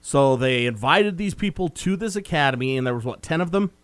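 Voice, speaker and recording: A man's voice: a little high, expressive, fairly quick, clean tone, no room sound. A man co-hosting a casual film review chat, recapping the plot in a meandering, talkative way. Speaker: movie review co-host.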